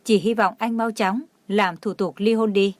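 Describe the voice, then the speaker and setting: A wounded young wife, bitter and clenched, holding herself together, as a woman narrator reads her. Her voice sits at a middling pitch. It is recorded close and dry. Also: steady tone, normal speed, no echo, lightly acted. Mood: bitter resolve. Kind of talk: audiobook narration.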